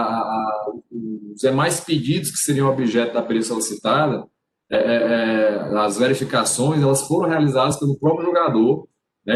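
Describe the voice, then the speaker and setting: Guy state attorney reading out a legal argument, lots of uh uh fillers, mid pitch, echoey room, faint hiss. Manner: hesitant, many repeated filler sounds. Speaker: state attorney in a tax appeals hearing. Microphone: video call. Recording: roomy echo on a video call.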